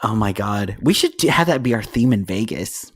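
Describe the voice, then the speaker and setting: A man's voice: fairly low pitch, lively intonation, moderate pace, breathy edge. Man in his thirties, podcast host, chatty storytelling, acts out voices. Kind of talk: casual storytelling chat.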